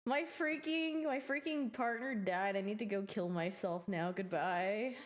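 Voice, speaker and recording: A woman's voice: mid-range voice, unhurried. A young woman giving casual live-stream game commentary, playful and slangy, reacting aloud as she plays.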